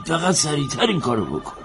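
A man plays a brisk, exasperated police commander in an audio drama. His fairly high voice swings widely in pitch, and faint music sits behind it. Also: sharp tone, exaggerated voice. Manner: curt, exasperated. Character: male commanding officer, impatient and sardonic. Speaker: senior police officer.

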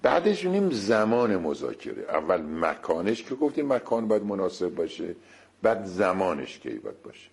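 Husky man giving a lively talk. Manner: lively, shifting pitch, speaks directly to listeners. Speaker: speaker on family negotiation. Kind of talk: lecture-style talk.

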